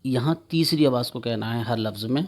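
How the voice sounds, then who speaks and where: Man with a gravelly voice drilling letters. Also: medium pitch. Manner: slow, repetitive letter-by-letter drilling with short explanations. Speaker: Quran reading teacher. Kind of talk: spelling lesson, drilling Arabic letters.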